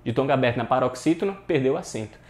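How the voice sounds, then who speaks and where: A man's voice: mid-range voice, animated, racing. A man with a Brazilian Portuguese accent teaching an online exam-prep grammar lesson, often addressing viewers directly and repeating rules emphatically. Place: online class.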